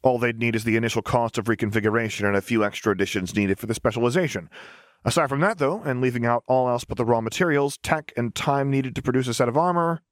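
A man's voice: mid-range voice, fast, no echo, clean studio sound, natural voice. A man voicing a cheerful, boyish young male engineer who talks in an upbeat, earnest way. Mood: eager.

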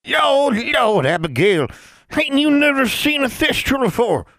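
A bossy eldest witch, an old woman with rough rural grammar, as a man narrating puts her on. Her voice climbs high and loud over a low speaking voice, each word given weight. The reading sounds dry and close. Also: big pitch swings, measured pace, dry recording, heavily acted. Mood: scolding. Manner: rural folksy dialect.

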